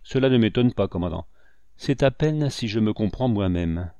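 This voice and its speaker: A man's voice: fairly low pitch, animated, moderate pace, dark tone, no echo, dull audio. A man reading as a humble, remorseful captain. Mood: pleading, contrite. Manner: humble, pleading, contrite. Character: devoted, remorseful male captain, humble and pleading.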